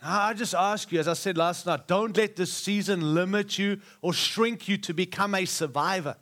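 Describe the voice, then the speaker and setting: Heard at normal speed, the voice sits high and carries a bit of brightness. It belongs to a middle-aged Australian guest preacher who rallies a live church with repeated stirring phrases and jokes for the congregation.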